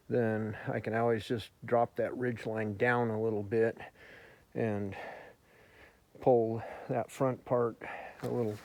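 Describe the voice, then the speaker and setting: Man vlogging outdoors, out of breath, slow pace, mellow voice, dry sound. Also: mid-range voice, no room sound. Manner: plain, unhurried talk with pauses. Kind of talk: casual outdoor vlog. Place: outdoors in snowy woods.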